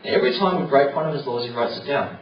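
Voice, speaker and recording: A man's voice: medium pitch, very animated, racing. A man giving an earnest, conversational evangelistic talk in a church, with many "you know" fillers. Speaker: church speaker. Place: church hall. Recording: roomy, distant, dull with noise.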